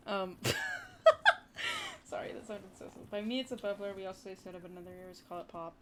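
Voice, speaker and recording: A woman's voice: mid-range voice, wildly swooping pitch, brisk, heavy background noise. Rambling young woman with Wisconsin accent. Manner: rambling, talks to chat with lots of "like" and "dude". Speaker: livestreamer. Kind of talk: casual livestream chat.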